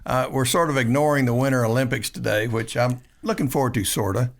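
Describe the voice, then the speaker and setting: A man's voice: medium pitch, fast talker, creaky. Folksy Texan host in his seventies. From Lubbock, Texas. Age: 70s. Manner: friendly questioning, folksy reminiscing. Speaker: show host. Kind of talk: casual chat.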